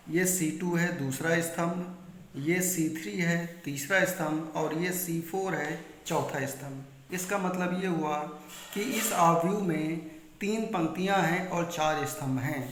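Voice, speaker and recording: Male maths teacher, Hindi-speaking north Indian accent, slightly raised pitch, repetitive self-answering quiz style, recorded in an echoey room. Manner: repeats key points and quizzes students with questions he answers himself. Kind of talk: classroom lesson explaining step by step.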